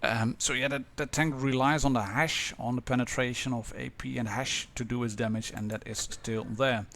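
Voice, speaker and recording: A Dutch man with a Dutch accent, casually commentating a live game stream with many pauses and restarts. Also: mid-range voice, fairly even intonation, fairly bright tone. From Netherlands.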